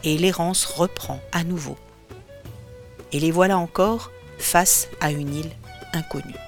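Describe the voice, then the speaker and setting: Low-voiced woman narrating a storybook. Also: unhurried. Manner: clear, expressive reading. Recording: long reverb, faint music.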